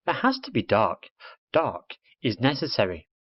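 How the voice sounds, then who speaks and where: A man voicing a proud, bossy little girl who lectures in a high storybook voice, on a lo-fi recording. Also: huge pitch swings, measured pace, breathy edge, exaggerated voice. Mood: explaining.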